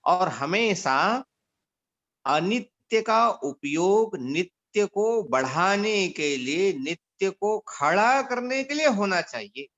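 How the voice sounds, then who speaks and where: A man's voice: animated, a bit bright, lo-fi sound. A man from India giving an instructive talk to volunteers and telling short parables as he teaches. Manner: storytelling, varies pitch widely, slow deliberate delivery. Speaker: organisation leader giving guidance to volunteers.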